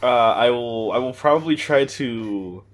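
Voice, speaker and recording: A man's voice: medium pitch, a little slow. A young man co-hosting a podcast in casual chat, hesitant and stammering, often breaking into laughs. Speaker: podcast co-host.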